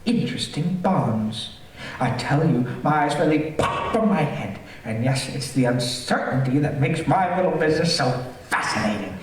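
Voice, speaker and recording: In a live-streamed stage performance of an old-time radio thriller, a man plays a vain, gloating serial killer showing off his lair, cackling gleefully and relishing every line in a theatrical, lightly acted way. His voice is fairly high and animated at normal speed. The sound is distant and echoey from the theater stage, with faint noise.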